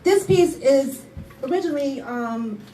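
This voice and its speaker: Woman, spoken word poet, slow emphatic rhythm, echoey live room from afar. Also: high-pitched, expressive, distant mic, a little hiss or hum. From Barbados. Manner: rhythmic, emphatic, rising to shouts. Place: live poetry night venue.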